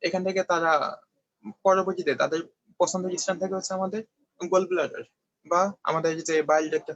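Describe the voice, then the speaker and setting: A man's voice: high-pitched, a bit bright, no room sound. A young man from Bangladesh giving an online medical review lecture, explaining step by step and often checking that students follow. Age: young adult. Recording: dull, slightly lo-fi dry recording.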